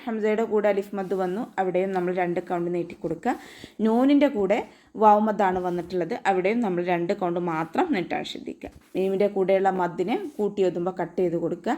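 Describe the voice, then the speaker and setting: A woman with a Malayali accent teaching Quran recitation in an online class, explaining each letter patiently and chanting example verses slowly. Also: on the low side, fairly even intonation, warm tone. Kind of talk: online tajweed lesson.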